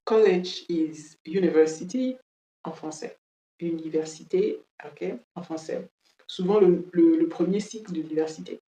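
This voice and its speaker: Low, mellow woman teaching in an echoey room. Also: a little slow, distant mic. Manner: explains patiently, often checks "ok?", switches between English and French. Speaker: English teacher. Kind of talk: bilingual language lesson.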